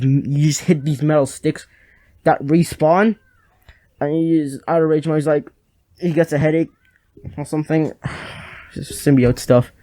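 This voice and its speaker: A man's voice: a little high, mellow, no echo. Rambling sarcastic young game reviewer man. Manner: rambling, sarcastic, lots of fillers. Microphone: home microphone.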